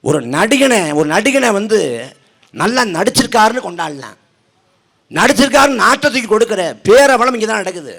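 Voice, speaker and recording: A man's voice: sits high, lively intonation, moderate pace, fairly bright tone. A man giving a fiery political speech at an outdoor protest rally, sarcastic and mocking, firing off rhetorical questions. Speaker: party speaker at a protest rally.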